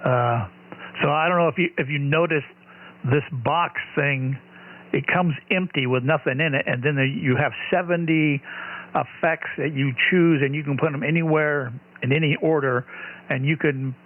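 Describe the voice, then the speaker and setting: A man's voice: a little high, fairly even intonation, normal speed. A man chatting casually and technically as an amateur radio operator, heard through a ham radio transmission. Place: received over amateur radio. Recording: narrow, thin radio link.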